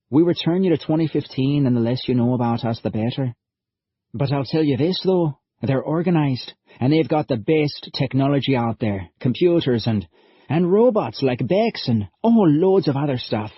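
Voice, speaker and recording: A husky-voiced man voicing an earnest young male time-traveller who talks in a lively, folksy way. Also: mid-range voice, normal speed, no room sound, pitched above the performer's own voice. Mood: persuasive. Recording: dull lo-fi audiobook recording.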